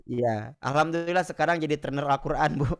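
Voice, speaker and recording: Man giving an animated religious lesson. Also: fairly high pitch, brisk. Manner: animated storytelling, often addresses the audience directly. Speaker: Quran recitation teacher. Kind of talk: casual Islamic study lecture.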